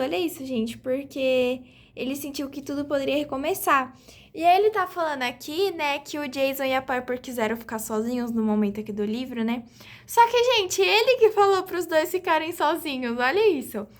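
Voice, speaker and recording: A young woman from Brazil chatting casually and emotionally about a book in a reading vlog, full of slang and fillers. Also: high voice. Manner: emotional, slangy, swings between laughing and crying; chatty and informal, lots of fillers. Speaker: book vlogger.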